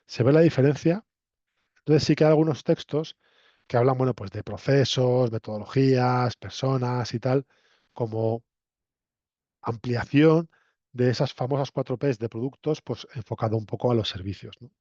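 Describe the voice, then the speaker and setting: With a dark, mid-range voice at normal speed, a man lectures students conversationally and didactically, regularly checking in with brief tag questions. He is a university lecturer from La Mancha, Spain, with a Castilian accent, heard in an echoey, dull, lo-fi recording.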